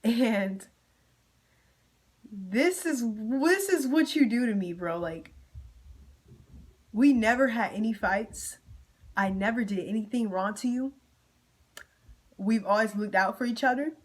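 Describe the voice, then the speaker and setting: Her voice on the high side, a young vlogger pours out a storytime rant straight to her audience using casual slang. She is emotional and sometimes on the edge of tears.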